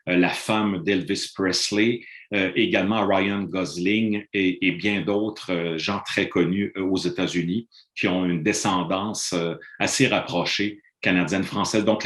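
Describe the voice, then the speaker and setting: Over roomy-sounding video call audio, a middle-aged man lecturing at university gives a remote panel talk from a room in Montreal. He speaks in a low, slightly bright voice, measured and explanatory, with frequent "euh" hesitations.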